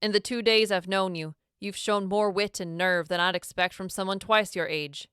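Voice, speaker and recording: A woman reading a storybook, voicing an easygoing man who talks calmly and reassuringly. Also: mid-range voice, moderate pace, clean tone, no echo, studio quality, close to an everyday voice. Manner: calm, casual, reassuring. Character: easygoing adult man, calm peacemaker.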